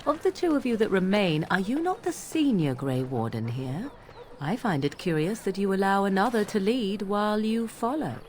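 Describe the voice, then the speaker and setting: A woman's voice: mid-range voice, expressive, moderate pace, darkish tone, a little hiss or hum, close to an everyday voice. An actress playing an aloof, sardonic young witch and shapechanger, speaking in haughty, formal, archaic phrasing in video game dialogue. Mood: probing.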